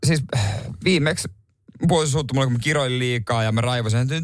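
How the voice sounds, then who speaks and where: A man co-hosting a radio morning show, chatting casually and getting animated when exasperated. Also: mid-range voice, no echo, clean studio sound. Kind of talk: casual studio banter. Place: radio studio. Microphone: studio microphone.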